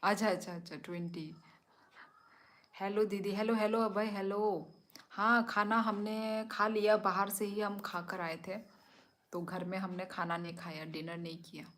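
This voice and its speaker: A woman's voice: medium pitch, flat delivery, unhurried, fairly bright tone. Chatty young woman hosting a live stream. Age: young adult. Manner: chatty, teasing, laughs often. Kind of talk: casual live chat reading comments.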